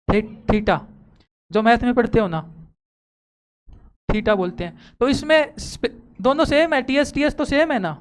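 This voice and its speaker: A woman teaching a school class, often quizzing her students and slowly repeating the key terms. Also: fairly high pitch, clear, resonant tone. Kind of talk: classroom lesson.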